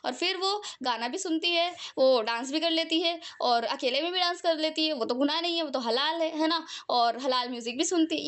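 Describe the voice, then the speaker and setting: A woman's voice: high-pitched, a bit bright. A young woman giving an earnest, conversational religious talk, full of fillers and tag questions. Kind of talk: informal religious talk to listeners.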